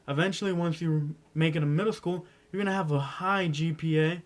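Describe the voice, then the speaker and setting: A teenage boy rambling through casual school advice in a vlog, clearing his throat often and stumbling over his words. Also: a little high, steady tone, brisk. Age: teens. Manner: rambling, stumbling, self-interrupting. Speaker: vlogger.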